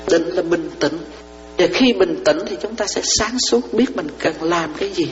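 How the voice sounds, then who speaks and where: A woman, a Buddhist nun, giving a dharma talk to lay followers. She explains through parables and often asks whether her listeners understand. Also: on the low side. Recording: reverberant hall, dull lo-fi sound, faint mains hum.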